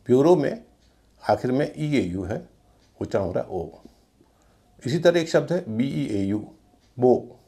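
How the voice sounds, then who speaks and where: A man teaching English pronunciation, slowly spelling out words letter by letter and repeating each one. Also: medium pitch, gravelly, mellow.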